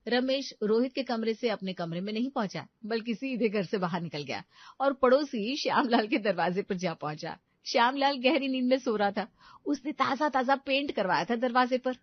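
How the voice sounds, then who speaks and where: A woman tells a storybook tale in a lively, expressive way. Her voice sits a little high, and the recording is dry and somewhat dull. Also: moderate pace, no echo. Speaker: narrator. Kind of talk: storybook narration.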